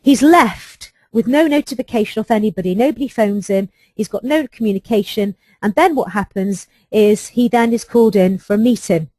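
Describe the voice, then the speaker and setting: A woman's voice: mid-range voice, moderate pace, hardly any pauses, warm tone, no echo. A middle-aged woman, an HR trainer giving a webinar, recounting a workplace case in an earnest, emphatic way. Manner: earnest, emphatic storytelling with rhetorical questions.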